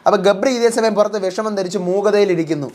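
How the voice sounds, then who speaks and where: A woman's voice: medium pitch, fast, darkish tone. A woman giving a casual episode recap, narrating events and acting out quotes. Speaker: show reviewer.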